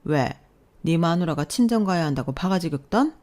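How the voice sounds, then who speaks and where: A woman's voice: on the low side, lively intonation, normal speed, darkish tone, close to an everyday voice. A woman voicing an older mother-in-law in a radio drama, harsh and commanding as she scolds her family. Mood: scolding.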